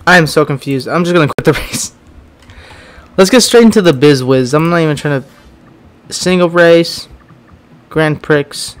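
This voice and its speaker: A young man rambling through casual gameplay commentary, full of "like"s, with bursts of yelling. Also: fairly high pitch, unhurried, pauses often. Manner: rambling, many "like"s, bursts of yelling while racing. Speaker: gaming YouTuber.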